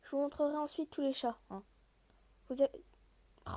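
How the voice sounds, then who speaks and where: High, mellow-voiced woman explaining a game. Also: normal speed. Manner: explains step by step straight to viewers. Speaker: gaming video host. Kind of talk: casual gameplay walkthrough.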